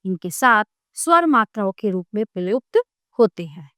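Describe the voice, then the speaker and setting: A woman narrating a grammar lesson for children, clear and measured, reading out word lists slowly. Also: mid-range voice, big pitch swings, a bit bright, no room sound, clean studio sound. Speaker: teacher.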